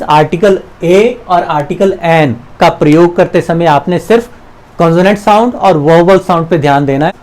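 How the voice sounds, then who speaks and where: A man's voice: a little high, darkish tone, poor audio. A man teaching English grammar, patiently walking through examples and quizzing the viewer. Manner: patient, repeats examples and asks questions. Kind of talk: explanatory lesson.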